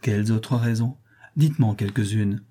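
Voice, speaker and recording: A brisk, kindly apothecary questioning a sick child, read by a man in a dark, mellow voice. He sounds a little husky and speaks plainly. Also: on the low side, fairly even intonation. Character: kindly blunt male apothecary, middle-aged. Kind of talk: audiobook reading.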